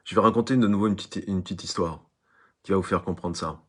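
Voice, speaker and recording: A man's voice: sits low, fast talker, husky. A man giving an online spiritual lecture, emphatic, who repeats phrases and tells little stories. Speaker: spiritual teacher.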